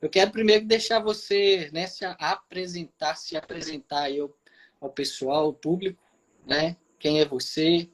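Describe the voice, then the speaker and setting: A man's voice: a little high, steady tone, moderate pace. A man, a pastor, hosting a live stream, speaking hesitantly with frequent fillers.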